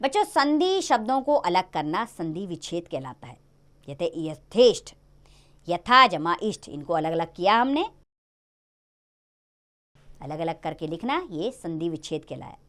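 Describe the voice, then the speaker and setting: A woman's voice: lowish voice, a little slow, pauses often. A woman teaching a grammar lesson to children, explaining rules step by step and stressing each example. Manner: lively, sing-song explaining with stressed examples.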